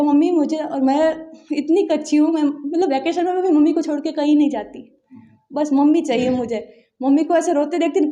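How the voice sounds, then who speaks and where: A woman's voice: sits high, mellow, lo-fi sound. A young woman from Rajasthan earnestly recounting a personal story in casual interview talk, acting out her family's words as she goes. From Barmer, Rajasthan, India.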